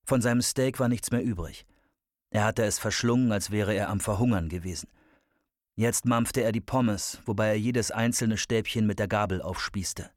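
A male audiobook narrator with a low voice, reading in a steady, measured way. The close-miked recording is dry, with no room sound. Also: no echo. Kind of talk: scripted narration.

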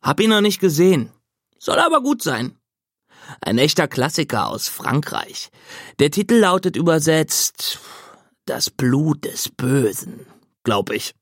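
A man's voice: on the high side, very animated, unhurried, no echo, studio quality, heavily acted. A man doing a cocky teenage big brother. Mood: teasing. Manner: loud, teasing, cocky. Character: brash teenage boy, teasing big brother.

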